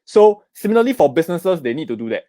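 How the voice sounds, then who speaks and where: In studio-quality audio with no room sound, a middle-aged man with a Singaporean accent speaks fast in a warm, slightly high voice with big pitch swings. He's giving a live online seminar talk on investing at a summit, constantly asking "okay?" and "right?" and urging viewers to type in the comments.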